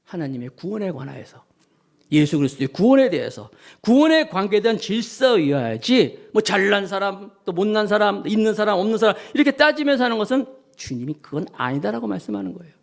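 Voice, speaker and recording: A man preaching a Sunday sermon as the pastor of his church, animated, acting out the voices of the people in his stories. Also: high voice, fairly quick, vocal fry.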